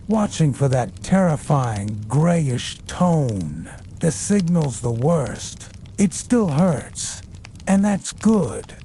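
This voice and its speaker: A man reads a soothing bedtime story at a slow, unhurried pace. His voice sits a little high for a man and moves with a lively, varied melody. The delivery is measured storytelling, with a faint low rumble of noise underneath. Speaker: narrator of a bedtime history story. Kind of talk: soothing bedtime scripted narration.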